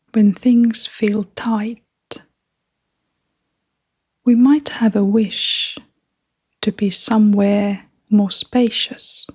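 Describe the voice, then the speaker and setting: A woman guides a meditation in a soft, breathy, half-whispered voice of medium pitch. Her phrasing is gentle and unhurried.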